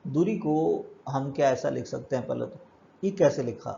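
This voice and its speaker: Man, physics teacher, explains step by step, asks himself questions, mellow voice, muffled lo-fi recording. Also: mid-range voice, animated, normal speed, vocal fry, slight background noise. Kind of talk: classroom lecture.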